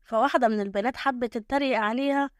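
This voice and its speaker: A woman with an Egyptian accent narrating a folk story in a brisk, lively way. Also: fairly high pitch, no room sound, clean studio sound. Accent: Egyptian Arabic.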